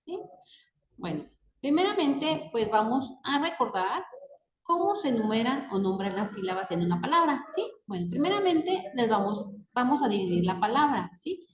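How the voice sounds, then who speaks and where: A woman's voice: on the high side, sing-song, moderate pace, a crowd in the background. A woman teaching a grammar lesson, patient and checking in with the class after almost every point. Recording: echoey room.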